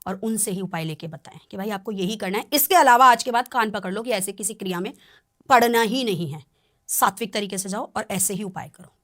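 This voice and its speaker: A woman's voice: medium pitch, brisk. A woman tarot reader talking on a podcast, explaining in an earnest, warning tone. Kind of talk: podcast conversation.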